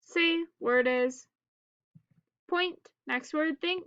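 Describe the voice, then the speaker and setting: Lady teacher doing phonics drills, bright high voice, staccato one word at a time, slightly muffled dry sound. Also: no echo. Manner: staccato, clipped single words with pauses between.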